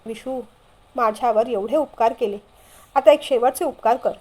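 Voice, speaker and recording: A woman voicing a frail, dying older father who pleads softly with a sorrowful tone. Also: on the high side, moderate pace, natural voice. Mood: pleading, sorrowful.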